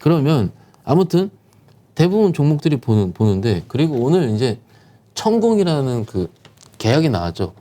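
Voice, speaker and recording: Animated, emphatic man explaining the market. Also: mid-range voice, normal speed. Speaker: securities firm manager, market commentator guest. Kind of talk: explaining stock market conditions.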